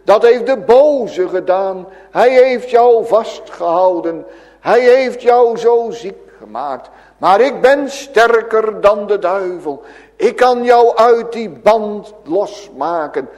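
A man voicing Jesus as a calm, authoritative healer, making solemn, emphatic declarations in a church. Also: high-pitched, slow pace. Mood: commanding. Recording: echoey church hall.

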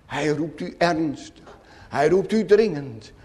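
A male preacher delivers a sermon in an earnest, solemn tone. He speaks slowly, letting long pauses sit between phrases. His voice sits somewhat high for a man. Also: lively intonation, a little mellow.

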